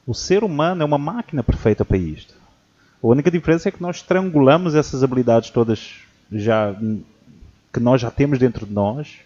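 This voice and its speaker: A man hosts a casual podcast and tells stories with animation, acting out the people in them. His voice sits at a middle pitch. The audio is dull and lo-fi. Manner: animated storyteller who acts out quotes. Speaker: podcast host and English teacher.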